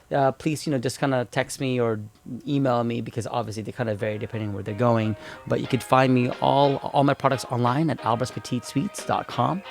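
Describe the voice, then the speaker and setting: A man's voice: mid-range voice, gravelly. A man guest telling his small business story in casual chat, often repeating words and quoting himself with "I'm like".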